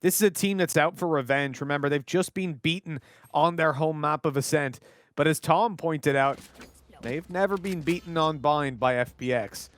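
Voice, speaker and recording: A man giving chatty, jokey color commentary on an esports match. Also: on the high side. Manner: chatty, jokey, quick bursts of excitement. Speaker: esports co-caster.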